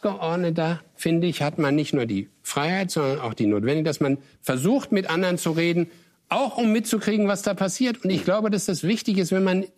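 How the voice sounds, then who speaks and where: Male MP on a panel, higher voice, rapid and insistent, repeats himself to hold the floor. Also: expressive, darkish tone. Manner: insistent, repetitive, defensive. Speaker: member of parliament guest. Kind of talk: heated talk show debate.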